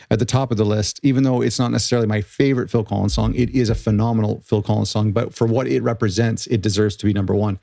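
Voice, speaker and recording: A man's voice: fairly low pitch, gravelly, warm tone, no room sound, clean studio sound. A man hosting a music reaction channel, giving casual, rambling commentary full of restarts and self-corrections.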